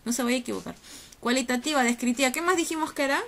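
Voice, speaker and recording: A woman's voice: sits high, very fast, a bit bright. A woman teacher lecturing students on a video call, coaxing and teasing them with questions. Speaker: university teacher. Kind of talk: online class lecture.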